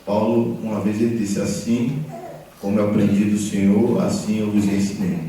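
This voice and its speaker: A man preaching a sermon in a church, talking conversationally and telling stories with animated retellings, often checking in with his listeners. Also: on the low side, normal speed, a crowd in the background. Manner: conversational, repeats tag questions, animated storytelling. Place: church hall. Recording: echoey church hall from far off, background noise.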